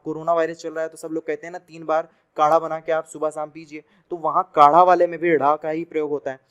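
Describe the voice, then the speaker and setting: A young man giving a chatty video lesson for exam students, repeating sounds aloud to demonstrate them. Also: a little high. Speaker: Hindi teacher for exam prep. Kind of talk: classroom-style video lesson.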